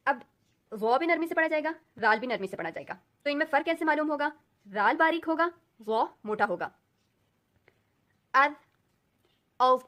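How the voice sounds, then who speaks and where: Woman, Urdu accent, fairly high voice, slow deliberate lesson, repeated drill sounds. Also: lively intonation, fairly bright tone. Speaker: Quran recitation teacher. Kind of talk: step-by-step recorded lesson.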